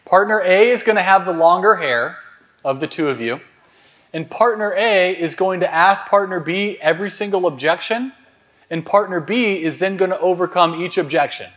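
A man's voice: high-pitched, normal speed. A man leading a live sales training in a room with an audience, urging people to speed up and cracking crude jokes. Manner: loud, urgent commands to hurry; crude, joking asides. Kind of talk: live seminar coaching.

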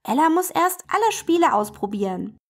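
A woman's voice: high voice, moderate pace, pitched above the performer's own voice. A woman voicing a cheerful, eager little ICE train in a children's storybook. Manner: bright, animated and friendly.

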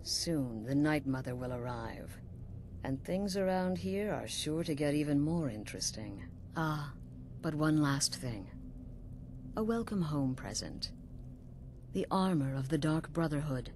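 A woman voices a middle-aged assassin leader in a video game, coolly sinister and sly, measured and knowing, with dramatic pauses. Her voice is low, animated, and darkish, and her mood is businesslike and sly. There is slight background noise.

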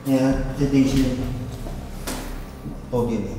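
A man's voice: medium pitch, fairly even intonation, a little slow. A man on an exploration team making short, casual observations and repeating himself in an empty building. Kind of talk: casual remarks during exploration. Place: dark abandoned building corridors and stairwell. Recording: reverberant building with background noise.

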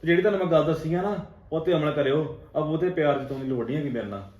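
A man's voice: a little high, racing, muffled recording, natural voice. A young man playing a resentful stepson who speaks bluntly and dismissively in a homemade family drama. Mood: cold, resentful. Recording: roomy room with faint music.

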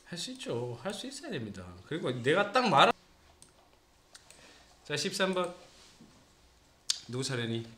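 Male teacher with a Gyeongsang accent, somewhat high voice, joking and quizzing his students in an echoey room. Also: sing-song, moderate pace, long pauses, bright, forceful tone. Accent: Gyeongsang Korean. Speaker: English teacher. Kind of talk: classroom grammar lesson. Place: small classroom. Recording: roomy classroom echo.

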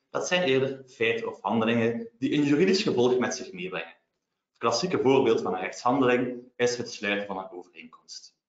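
A man with a Belgian Dutch accent lectures on legal matters, explaining each point in a measured, step-by-step way with practical examples. His voice has a mid pitch. The webinar audio is roomy and somewhat muffled. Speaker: lawyer presenting.

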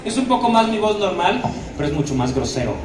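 A man's voice: high voice, fast. A man with a northern Mexican accent, a voice actor chatting animatedly at a convention panel. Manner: chatty, animated, full of fillers. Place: convention hall. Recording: echoey hall, distant mic, crowd noise.

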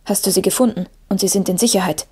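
A woman's voice: medium pitch, fairly even intonation, quick pace, warm tone, breathy edge, natural voice. A woman voicing an earnest male ranger and leader who asks direct questions.

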